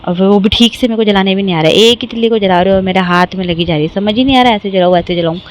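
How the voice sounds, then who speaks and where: A woman's voice: medium pitch, racing, low-quality recording. Chatty young woman narrating her vlog. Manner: chatty, self-mocking, animated storytelling. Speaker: vlogger and mother. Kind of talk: casual vlog voice-over narration.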